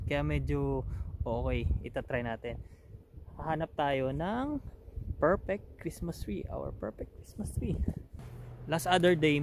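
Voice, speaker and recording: A man's voice: on the high side, slight background noise. A man with a Filipino accent chatting casually as a vlogger, outdoors at a Christmas tree farm in the rain, laughing easily. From Philippines. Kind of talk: casual vlog chat. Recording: music playing loud over the voice.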